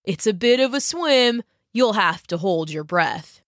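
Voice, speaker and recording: Woman doing a gentle, soft-spoken turtle. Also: medium pitch, expressive, a little slow, dry recording, clean studio sound, close to an everyday voice. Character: gentle, guilty male sea turtle.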